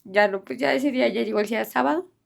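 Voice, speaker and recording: Gravelly woman, soft and halting. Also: on the high side. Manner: halting, soft-spoken, many fillers and restarts. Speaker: interviewee, bereaved mother. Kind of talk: personal testimony in an interview.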